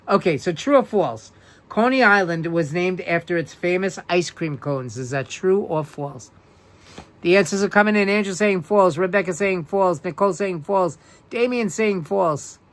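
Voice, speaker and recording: Chatty New York man hosting a livestream. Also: high voice. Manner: chatty, reads trivia aloud and answers viewers by name. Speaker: livestream host. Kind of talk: casual live-stream trivia chat.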